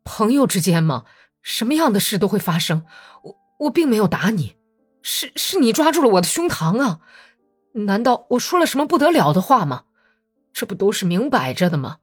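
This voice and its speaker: A woman's voice: on the low side, very animated, moderate pace, breathy edge, soft background music. A woman reading an audiobook voices a strong young Cossack man who speaks in a tense, pressing way. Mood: pleading.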